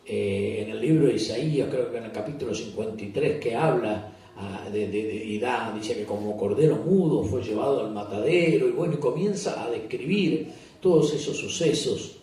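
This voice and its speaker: A man's voice: mid-range voice, a little mellow, slight background noise. A man, a pastor telling a sermon story and asking the congregation questions. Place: church retreat service. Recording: echoey church hall, distant mic.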